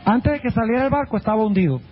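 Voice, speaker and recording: A man preaching a sermon emphatically, with rhetorical questions and drawn-out words. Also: very high-pitched, expressive, narrow, tinny audio.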